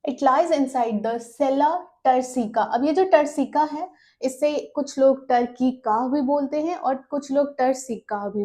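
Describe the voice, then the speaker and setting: Woman teaching, mellow voice. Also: a little high. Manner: explains step by step, asking questions and answering them herself; reads English lines slowly and mixes English terms into her talk. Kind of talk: lecture explaining diagrams.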